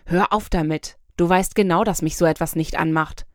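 A woman voicing a defensive, proud young man in an audiobook, with sharp, raised protests. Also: on the low side, fairly even intonation, moderate pace, dry recording, studio quality, lightly acted. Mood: indignant. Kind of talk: audiobook character voice.

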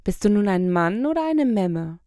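A woman's voice: mid-range voice, very animated, normal speed, warm tone, dry recording, clean studio sound, close to an everyday voice. A woman voicing a bold, mocking young woman in an audiobook, coy and taunting. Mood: teasing. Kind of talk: audiobook character voice.

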